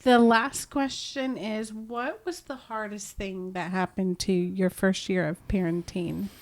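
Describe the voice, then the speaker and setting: A woman hosting a casual podcast chat, asking unhurried questions with short friendly reactions. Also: mid-range voice, fairly even intonation.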